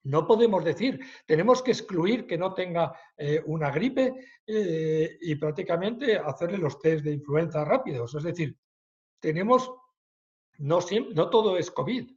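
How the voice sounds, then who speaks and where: A man's voice: on the high side, lively intonation, muffled recording. A man with a Spanish accent answering questions as a medical expert in a webinar, with many hesitations. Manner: hesitant, many fillers, then quick explanations.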